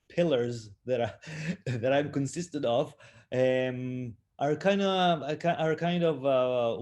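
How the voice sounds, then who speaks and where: An Israeli man whose first language is Hebrew speaks in a medium-pitched, dark voice as a panelist in a roundtable held over a video call. He's hesitant, using many fillers and laughing at himself.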